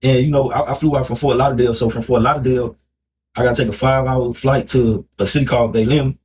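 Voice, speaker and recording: This vlogger is a Miami man in his thirties with an American accent, telling a relationship story to camera. His medium-pitched voice is steady, fast, and a little mellow, on a rough recording with slight background noise. His talk is rambling and colloquial, packed with "like" and "you know."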